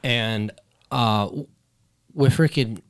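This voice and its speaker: A man's voice: medium pitch, takes it slowly, clear, resonant tone. An American man bantering and telling stories casually as a podcast host, insistent and swearing a lot.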